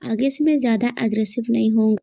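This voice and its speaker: A woman voicing an affectionate, teasing young husband in a storybook romance, speaking with a dry, gravelly voice. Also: on the high side, fast talker, mellow, no room sound. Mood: doting. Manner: playful, doting.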